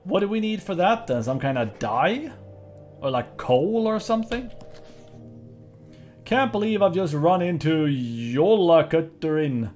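A man talks through a game as he plays, reading the characters' lines aloud with a playful, chatty tone. His voice sits a little high and moves around a lot in pitch. Quiet game music plays underneath. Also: animated, measured pace. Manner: playful, chatty, laughs often. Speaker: gaming YouTuber. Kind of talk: let's play commentary, reading game dialogue aloud.

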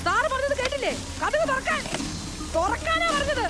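A woman's voice: very high-pitched, very animated, moderate pace, loud music behind the voice. A middle-aged woman playing a bossy, bumbling female police officer in a film comedy. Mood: commanding. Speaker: actor in a film.

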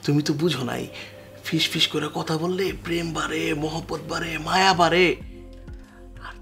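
A man's voice: on the high side, gravelly, sharp tone. A man voicing a young man with a slight cold, whispering sweet nothings to his girlfriend over the phone, whispered role-play. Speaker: young lover on a late-night phone call.

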